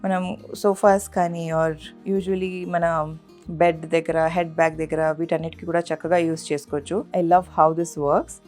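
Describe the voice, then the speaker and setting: A woman vlogger narrating a product demonstration in a steady, explaining manner, mixing in English. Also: fairly low pitch, moderate pace, faint music behind.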